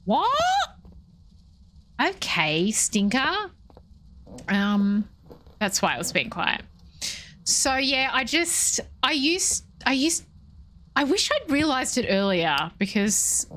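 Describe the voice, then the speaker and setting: A woman's voice: medium pitch, a bit bright, a little hiss or hum. A young woman chatting casually while streaming a game, rambling and breaking off mid-thought. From Australia. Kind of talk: casual chat while gaming live.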